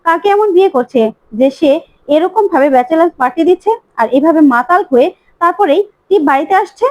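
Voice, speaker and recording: A woman's voice: very high voice, expressive, fairly quick, darkish tone, no room sound, voice pushed up, rough recording. A woman voicing a stern, hurt middle-aged mother scolding her grown daughter. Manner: scolding, bitter.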